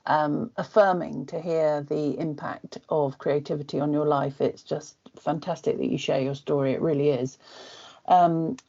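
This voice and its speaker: A woman presenting her organisation's work on a video call, brisk and with frequent ums. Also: low-pitched, vocal fry, mellow. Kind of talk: webinar presentation. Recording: muffled video call audio.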